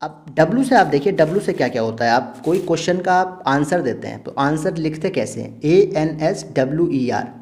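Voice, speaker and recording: Male teacher, warm dark tone, patient, repeats words for young learners. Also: fairly high pitch, lively intonation. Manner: patient, repeats words slowly to model sounds. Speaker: English teacher. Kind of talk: explaining pronunciation to kids.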